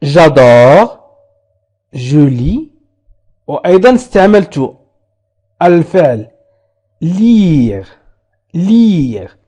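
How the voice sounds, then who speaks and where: A man teaching a language lesson, repeating example phrases slowly and then explaining them. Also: high voice, mellow. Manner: slow, drawn-out repetition of example sentences. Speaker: French teacher.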